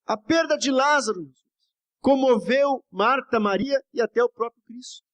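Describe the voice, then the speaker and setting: High-pitched man preaching a fervent sermon. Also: measured pace. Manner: fervent exhortation, calls on the congregation; constantly addresses "brothers" and asks for amens. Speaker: pastor. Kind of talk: evening church sermon. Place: church service before a congregation.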